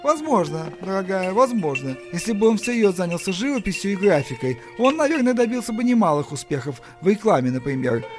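A stern, preachy older aunt scolds in a lifted, fussy tone, as a man puts her on. She lectures without pause, disapproving of everything. Soft music runs underneath the audiobook reading. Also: high voice, big pitch swings, pitched above the performer's own voice. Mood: lecturing.

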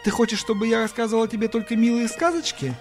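A man's voice: very high-pitched, fast talker, faint music behind, pitched above the performer's own voice. A man reading the part of a stern, disapproving older aunt in an audiobook, lecturing her nephew.

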